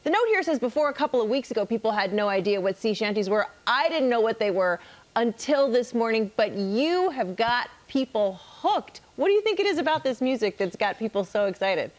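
A woman hosting a live morning TV show, asking questions in a brisk, friendly way. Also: fairly high pitch, sing-song. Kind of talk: live TV interview.

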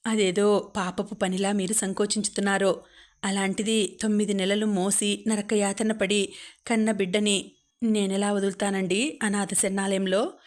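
A woman's voice: mid-range voice, natural voice. A woman voicing Radha, a grief-stricken young mother who pleads through tears. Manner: pleading, tearful. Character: young woman, new mother, anguished and defiant.

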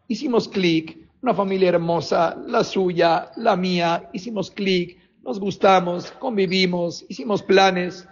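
A man preaching as a rabbi, animated, firing off rhetorical questions. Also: high voice, breathy edge. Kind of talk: sermon. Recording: dull lo-fi recording.

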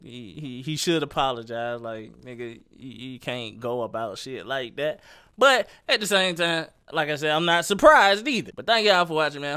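A man's voice: medium pitch, pushed and bright, clean tone. A young man hosting a casual celebrity gossip commentary video, talking loosely with lots of slang straight at the viewer. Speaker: YouTube commentary host.

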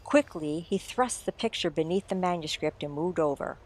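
A suave, theatrical mystery writer, acted by a woman holds the floor in a radio play. The voice sits somewhat low and moves deliberately, teasing out each detail like a storyteller. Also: natural voice. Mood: dramatic storytelling. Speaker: audio drama actor. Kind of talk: old-time radio mystery narration.

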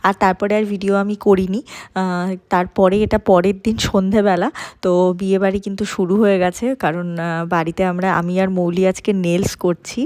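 Hoarse woman vlogging softly from home. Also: mid-range voice. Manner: speaks softly and carefully to spare her voice. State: hoarse from a sore throat. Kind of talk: casual vlog chat.

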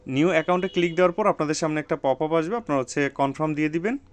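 A man explains an online task one click at a time, his voice slightly raised in pitch. His tone is smooth and clear. He hesitates often, stretching his fillers and repeating steps. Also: racing, faint music behind. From Bangladesh. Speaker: online earning tutorial host. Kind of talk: step-by-step screen tutorial.

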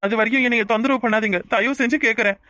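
A remorseful cartoon father, voiced by a man, pleads with his family. His voice sits very high and runs fast, and the sound is dry and close with no room around it. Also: steady tone, pushed and bright, dry recording. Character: grieving young father, guilt-ridden and pleading. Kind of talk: cartoon voice acting.

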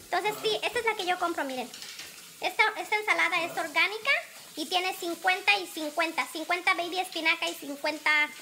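A woman's voice: extremely high pitch, brisk, sharp tone, slight background noise. A woman, chatting casually to viewers while filming herself on a phone at home and in her car. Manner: chatty, keeps addressing viewers as friends. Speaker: vlogger. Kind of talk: casual chat to camera. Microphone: phone held at arm's length.

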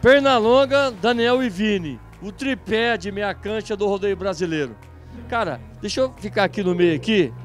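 At a rodeo festival, among booths and outdoor stalls, a middle-aged Brazilian man does live reporting and interviews into a handheld mic. His high-pitched voice is expressive and hyped like an emphatic announcer's, at a normal speed, with faint music behind.

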